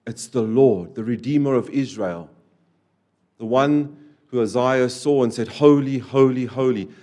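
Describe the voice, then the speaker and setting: A man's voice: mid-range voice, unhurried. Emphatic male preacher delivering a sermon. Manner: emphatic, repeats key phrases, swings between loud stresses and quiet drops. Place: church service.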